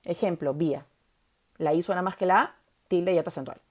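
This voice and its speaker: A woman's voice: fairly low pitch, fast, a little mellow. A woman teaching a grammar lesson, stressing key words and often checking in with the listener.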